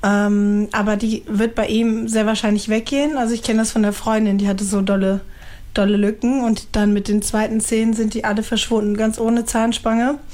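A woman's voice: on the high side, level tone, normal speed, a little mellow. A woman in her thirties chatting casually as a mother, often laughing as she talks. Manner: chatty, laughs while talking. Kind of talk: casual chat.

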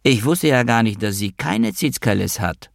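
A man's voice: medium pitch, sing-song, normal speed, vocal fry, no room sound, studio quality, pitched above the performer's own voice. A man reading an audiobook, voicing a teasing, sarcastic male friend on the phone. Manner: sarcastic, needling.

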